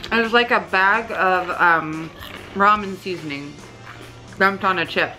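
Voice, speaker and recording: A woman's voice: mid-range voice, measured pace, pushed and bright, poor audio. Casual woman vlogger, music behind. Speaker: vlog host doing a taste test. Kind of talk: casual chat. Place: living room couch, indoors. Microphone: camera at arm's length.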